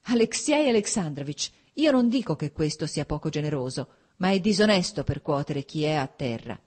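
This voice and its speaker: A woman's voice: sits low, expressive, normal speed, a little mellow. A woman voicing a proud, desperate young wife, defensive and pleading. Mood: hurt.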